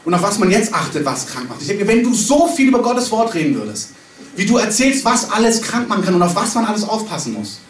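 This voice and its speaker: A man's voice: high voice, sing-song, quick pace. A man giving a charismatic sermon in an emphatic, conversational way, recorded by a distant mic in a hall. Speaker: preacher. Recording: echoey hall, distant mic, faint room noise.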